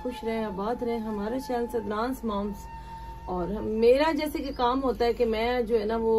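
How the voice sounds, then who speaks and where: Woman, charity vlogger; gentle, coaxing delivery, a touch high-pitched; music bed behind. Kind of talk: emotional charity vlog, talking to camera and to children. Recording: music playing underneath.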